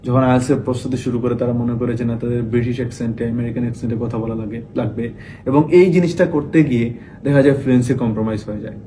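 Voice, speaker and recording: A man's voice: mid-range voice, steady tone, rapid-fire, mellow, slight background noise. A young man teaching IELTS speaking tips, explaining in Bengali mixed with English and repeating key points. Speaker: IELTS tutor. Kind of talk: tips video lesson.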